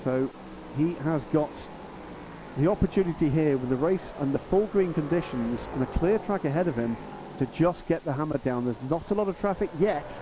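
A man's voice: fairly high pitch, lively intonation, moderate pace. A man giving live motorsport commentary on a race. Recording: clear engine noise behind.

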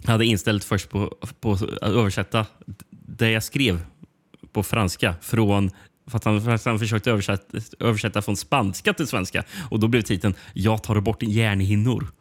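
Low-voiced man chatting about films. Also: steady tone, dry recording. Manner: laughs often, reads aloud haltingly with restarts. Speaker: podcast co-host. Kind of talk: casual film podcast chat.

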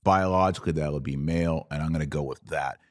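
Speaking fast in an extremely low, steady voice, a middle-aged American podcast host reacts to clips with forceful, argumentative opinion. He drives his points home with rhetorical questions.

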